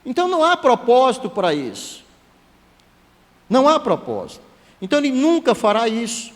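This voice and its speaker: A man, a church elder preaching a sermon in a lively, conversational way with joking asides. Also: very high voice, fairly quick. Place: church hall. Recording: long hall reverb.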